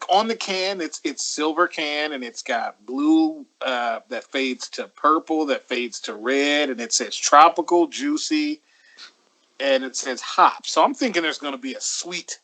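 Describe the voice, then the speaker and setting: A man, co-hosting a casual chat in an easygoing, halting way. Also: fairly high pitch, a bit bright. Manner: easygoing, halting, laughs often. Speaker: podcast co-host.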